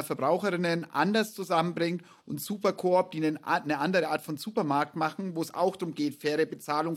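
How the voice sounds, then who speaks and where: A man in his forties hosts a podcast conversation, his voice husky and a touch high. He talks in long, winding sentences, enthusiastic and reflective. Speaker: podcast host.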